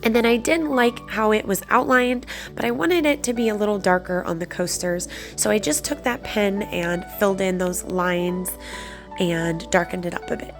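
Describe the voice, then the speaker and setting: A woman with a breathy, slightly congested voice from a cold, narrating a craft tutorial in a chatty, encouraging way. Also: mid-range voice, normal speed. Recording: background music under the voice. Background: music.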